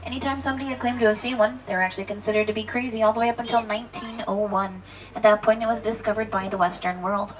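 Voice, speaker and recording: Female safari guide, practised tour patter at high speed, distant pickup with slight background noise. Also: steady tone. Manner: brisk, practised, informative. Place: open safari truck outdoors. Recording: distant, noisy vehicle tour announcement.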